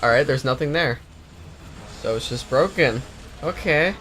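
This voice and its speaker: Young guy chatting games, mid pitch, lots of likes, bit of faint noise behind. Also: unhurried, a bit bright. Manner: rambling, full of likes and restarts. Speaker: co-host. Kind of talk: casual gaming chat.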